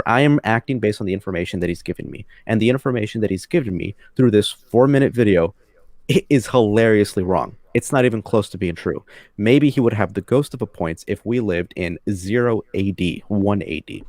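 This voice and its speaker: A man argues his point step by step in a measured, lecturing tone and keeps putting rhetorical questions to the listener. His voice is low, and it sounds close and dry, with no room around it. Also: a little mellow, no echo. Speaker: guest debater. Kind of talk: argumentative discussion.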